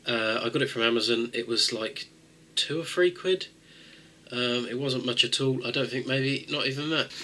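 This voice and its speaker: Slight background noise accompanies a man with a cold, his voice nasal, as he casually walks viewers through fixing a tech problem. This tech video host rambles, filling with fillers and restarts. He speaks at a moderate pace in a medium-pitched, bright, forceful tone.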